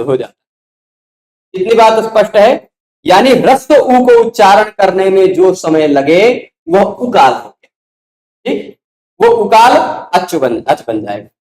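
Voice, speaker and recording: A middle-aged man lectures on grammar in a high voice. He works through each point step by step and keeps checking in with his listeners. The room is echoey. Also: darkish tone. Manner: explains step by step, checks in with "ठीक है" and "है ना". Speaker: Sanskrit grammar teacher.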